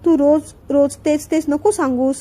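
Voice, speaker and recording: A woman's voice: high-pitched, fairly even intonation, normal speed, mellow, natural voice. A woman reading the lines of a bossy, sulky little girl in a storybook reading. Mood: pouting. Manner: childish pouting talk.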